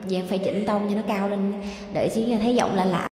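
A woman's voice: medium pitch, quick pace. Woman, tired voice, echo-drenched. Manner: chatty, laughing and self-mocking. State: strained, tired voice. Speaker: online voice-chat room singer and host. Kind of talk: casual chat between songs. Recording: heavy echo with loud backing music.

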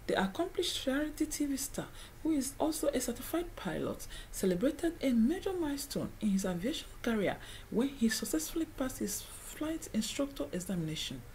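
A woman's voice: sits high, darkish tone, a little hiss or hum, poor audio. A woman narrating a scripted entertainment news report. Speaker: news presenter.

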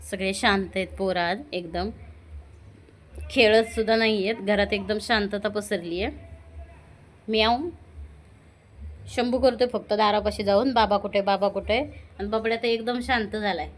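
A woman at home filming her cats, calling to them in high baby talk and then quietly telling the viewer about them. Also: fairly even intonation, moderate pace, slight background noise. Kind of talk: casual home pet vlog.

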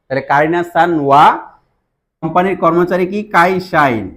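A Bangladeshi man with a slightly high voice teaches a grammar lesson. He goes step by step and keeps asking the listener questions before he answers them. His delivery stays patient and steady. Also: brisk. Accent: Bangladeshi Bengali. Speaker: Japanese language teacher.

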